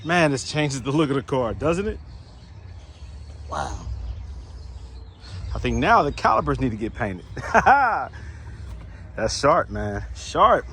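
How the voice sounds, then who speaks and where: A man narrates his car work in a casual vlog. His pitch swings lively up and down, and he sounds pleased as he repeats his praise. Steady background noise sits behind his voice. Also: unhurried, long pauses. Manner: relaxed and enthusiastic, repeats praise with exclamations. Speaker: auto shop owner. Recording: noisy background.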